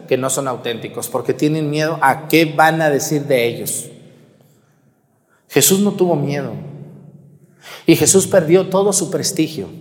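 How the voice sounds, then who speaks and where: Priest preaching in a reverberant church. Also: male voice, a little high. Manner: conversational preaching that mimics parishioners' excuses. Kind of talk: Mass homily.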